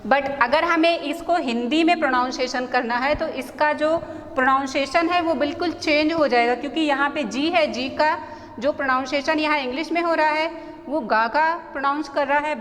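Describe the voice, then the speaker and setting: A high-voiced woman teacher with an Indian accent, walking a class through letters at an unhurried pace. She repeats key points and checks in with her listeners. The recording has an echoey room with a faint hum behind her. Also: a bit bright. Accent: Indian English. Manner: slow, repetitive explaining, mixing Hindi and English, checks understanding. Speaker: English teacher. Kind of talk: classroom lesson explaining spelling.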